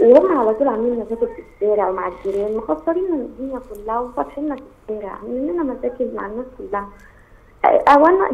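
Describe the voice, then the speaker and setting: A young Egyptian woman calling in by phone, talking in a rushed, upset and halting way. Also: on the high side. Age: young adult. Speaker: caller. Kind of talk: phone call to a live show. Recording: tinny phone line.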